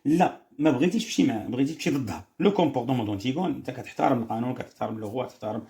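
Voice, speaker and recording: A man with a Moroccan accent teaching an exam correction lesson. He switches between slow, careful dictation and quick explaining, and he asks questions and answers them himself. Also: medium pitch, vocal fry, dark tone.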